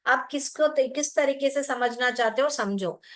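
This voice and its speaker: A woman's voice: high-pitched, moderate pace. A woman teaching phonics in an online class, patient and explaining step by step, often asking rhetorical questions and fondly addressing her learners as children.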